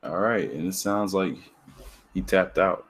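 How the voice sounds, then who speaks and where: Deep-voiced laid-back male podcast host. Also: unhurried. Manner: laid-back, laughs while telling a story. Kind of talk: casual discussion podcast.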